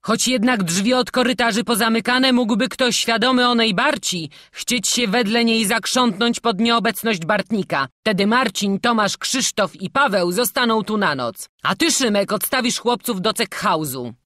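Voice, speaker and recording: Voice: medium pitch, moderate pace, hardly any pauses, no room sound, studio quality, voice pushed up, lightly acted. A narrator putting on a barking watch captain. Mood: commanding. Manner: loud, barking orders. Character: gruff shouting town watch captain.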